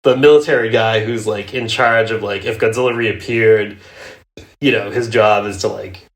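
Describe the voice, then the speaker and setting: A man's voice: on the low side, fairly even intonation, moderate pace. Laughing man in an echoey room. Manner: rambling, leans on "like", laughs often. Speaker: podcast host. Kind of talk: casual chat.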